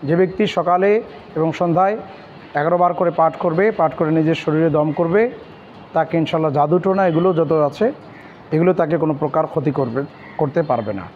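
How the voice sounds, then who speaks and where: A man with a Bangladeshi Bengali accent teaching Quran pronunciation step by step, spelling out letters and vowel marks slowly and repeating each syllable. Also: on the high side, big-room sound, lo-fi sound, slight background noise.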